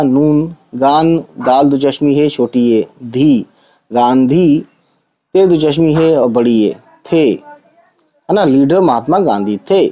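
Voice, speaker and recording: Slow, mellow-voiced male Urdu tutor. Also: mid-range voice, low-quality recording. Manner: slow, patient letter-by-letter reading with frequent checks. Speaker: Urdu teacher. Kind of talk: spelling out Urdu letters for Hindi speakers.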